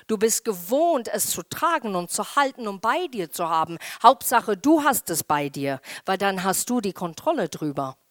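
Woman pastor, animated sermon delivery, slow and deliberate, dry close sound. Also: mid-range voice, no echo. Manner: animated, acts out quoted voices.

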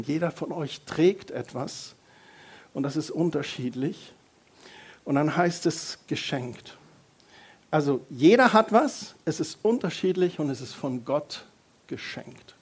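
Husky German pastor preaching. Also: male voice, on the high side. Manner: lively, varies loudness for emphasis, jokes with congregation. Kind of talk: sermon.

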